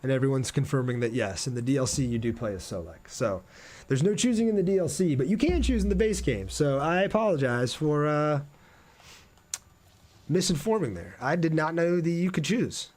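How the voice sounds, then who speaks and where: During a casual livestream, a male gamer chats with viewers, responds to chat and talks through his play. His fairly high voice has lively intonation, a darkish tone and a moderate pace.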